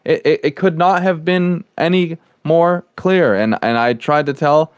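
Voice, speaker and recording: Male co-host, earnest explainer, smooth resonant voice, dry recording. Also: a little high, measured pace, dry recording. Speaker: podcast co-host. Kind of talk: casual podcast chat.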